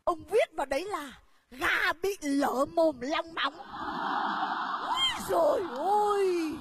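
A loud, flustered village wife. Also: female voice, high-pitched. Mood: excited. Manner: wailing, exclaiming, quick shifts to shouting. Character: flustered scheming rural wife, loud and excitable. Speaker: comic stage actor. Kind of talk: stage comedy sketch.

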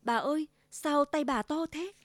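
A woman's voice: high voice, measured pace, dry recording, pitched above the performer's own voice. Woman doing a sweet little girl.

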